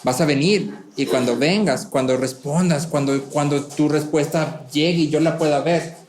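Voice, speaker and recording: A man's voice: on the high side, moderate pace, reverberant, a crowd in the background. A man preaching a sermon, earnest, repeating key words for emphasis.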